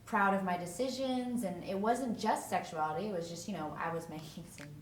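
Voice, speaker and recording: A young woman interviewing her parents in a relaxed way, laughing easily. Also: mid-range voice, brisk. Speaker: interviewer, their child. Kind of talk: candid family interview. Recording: roomy, distant mic with faint hiss.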